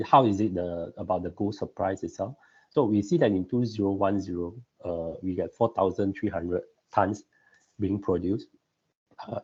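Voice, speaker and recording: A man with a low, mellow, slightly husky voice talks through an online group call, and the sound comes through dull and lo-fi. He presents haltingly and fills his pauses with hesitation sounds. His computer mic gives the thin feel of a video call. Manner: halting, frequent filler sounds. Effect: online group call audio. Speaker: guest presenter.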